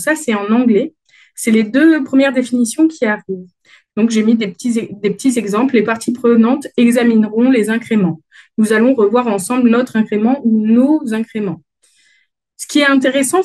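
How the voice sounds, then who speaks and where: A woman with a Dauphinois accent presents a conference talk from her slides. Her voice sits a little high. She is friendly and often hesitates, filling pauses and restarting her sentences. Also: a little mellow, poor audio. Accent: Dauphinois French. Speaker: conference speaker.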